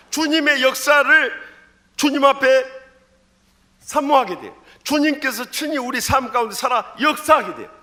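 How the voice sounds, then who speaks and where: A middle-aged male pastor from Jeolla with a Jeolla accent, preaching a sermon in an animated storytelling manner, swinging between loud calls and low asides in a church. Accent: Jeolla Korean. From Jeolla, South Korea. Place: church sanctuary.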